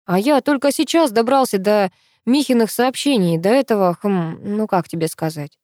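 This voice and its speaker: A woman reading an audiobook, voicing a calm young man who speaks in a soothing, practical way. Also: mid-range voice, moderate pace, no room sound, clean studio sound, lightly acted. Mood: awkward.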